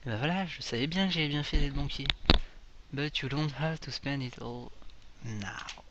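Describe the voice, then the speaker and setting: A young man who makes gaming videos gives casual let's play commentary, joking and reading the English on-screen text aloud as he plays. His voice is mid-range at normal speed. The recording is muffled and very noisy.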